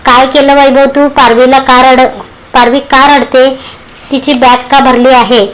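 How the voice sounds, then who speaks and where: A caring, worried middle-aged mother who asks gentle, anxious questions in a storybook reading, voiced by a woman. The voice sits high. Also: little pitch movement, measured pace, poor audio.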